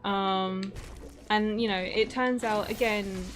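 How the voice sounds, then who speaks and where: A softly spoken woman chatting casually as co-host on a game stream, rambling with many fillers. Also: medium pitch, fairly even intonation, slow pace, faint music behind. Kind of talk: casual live-stream chat.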